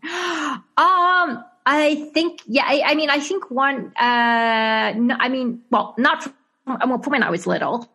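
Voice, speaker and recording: Her voice sits high and she takes it slowly, with a bright, forceful tone. Being interviewed, this woman, an actress and writer with a Zimbabwean accent, responds casually, hesitating, restarting, using many fillers and laughing often.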